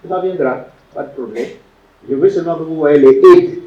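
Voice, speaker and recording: At a normal speed and on the high side, a man lectures a class on biblical Hebrew grammar, repeating terms and putting questions to his students. Sound quality is lo-fi and dull, roomy and distant, as in a classroom.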